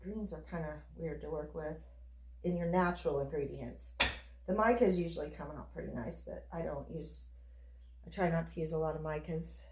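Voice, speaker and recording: A woman giving a casual, chatty craft demonstration, unhurried and sometimes half talking to herself as she works. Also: low-pitched, a little mellow, slight background noise. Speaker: soap maker demonstrating her craft. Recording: echoey room.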